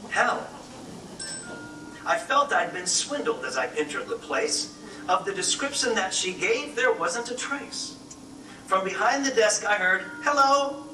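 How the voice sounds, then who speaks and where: A man tells a rhyming story with a wry touch. His voice is very high and unhurried. It is heard from a distance in an echoey room, with music underneath. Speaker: narrator.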